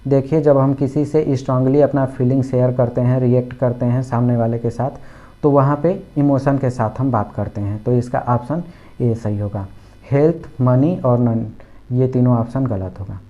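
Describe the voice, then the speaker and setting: A man teaching, working through multiple-choice exam questions and reading each English question slowly before explaining it in Hindi. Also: mid-range voice, dark tone. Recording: dull lo-fi recording.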